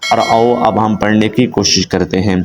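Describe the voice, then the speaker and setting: Man, religious teacher, recitation lesson, brisk explaining, slow syllable-by-syllable chanting, faint background noise. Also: fairly low pitch, fairly even intonation.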